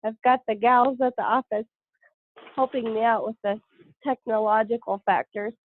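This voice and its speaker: A woman with a cold and a nasal voice, leading a conference call from home on her iPad, talking in a halting way with many pauses. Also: on the high side, fairly even intonation, no room sound. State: congested with a cold. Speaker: call facilitator. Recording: dry, tinny phone-like call line.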